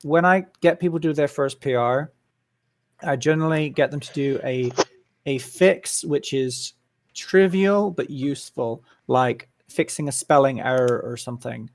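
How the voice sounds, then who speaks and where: A man at an online community meeting, explaining his views in a measured way with frequent ums. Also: mid-range voice. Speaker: staff member at a community meeting. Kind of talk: casual voice chat.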